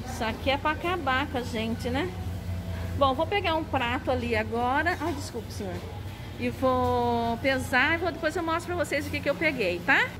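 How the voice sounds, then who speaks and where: A woman's voice: high voice, normal speed, noisy background. A woman vlogging as she walks through a large restaurant, filming with a handheld phone and talking chattily and enthusiastically to her viewers. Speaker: travel and food vlogger. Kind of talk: casual vlog walkthrough. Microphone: handheld phone camera.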